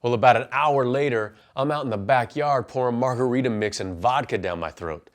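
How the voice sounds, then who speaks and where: A man's voice: mid-range voice, a little fast. A man in his forties, a life coach and pastor, telling his own story earnestly and then giving punchy motivational advice. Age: 40s. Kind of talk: personal testimony and motivational talk.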